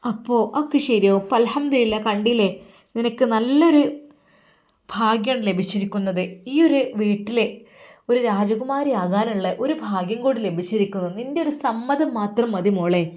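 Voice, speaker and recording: A coaxing, motherly rich lady, as a woman narrator puts her on presses a young girl with question after question. Her voice sits high and carries loudly. It is a middle-aged figure in a spoken story. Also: normal speed, close to an everyday voice.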